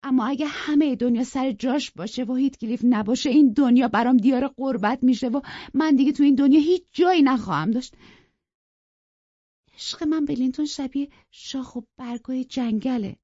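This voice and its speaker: A woman's voice: high-pitched, mellow, no echo, voice pushed up. A woman doing a fiery young woman in love. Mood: pleading. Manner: impassioned, pleading and defiant. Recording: dry, dull lo-fi recording.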